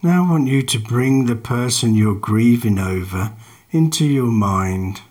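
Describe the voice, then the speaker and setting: Slow-paced man guiding a meditation. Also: mid-range voice. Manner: calm, measured, unhurried instruction with long pauses. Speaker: meditation guide. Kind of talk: guided meditation narration.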